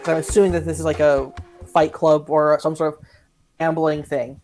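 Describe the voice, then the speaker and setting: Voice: medium pitch, flat delivery, normal speed, a little mellow, soft background music. Hesitant player thinking aloud at a game table. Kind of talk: casual game play talk.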